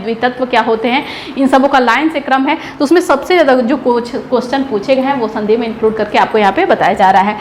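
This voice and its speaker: High-voiced woman teaching grammar. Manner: asks rhetorical questions and answers them, repeats key terms. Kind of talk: exam-prep lesson. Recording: echoey room, faint background noise.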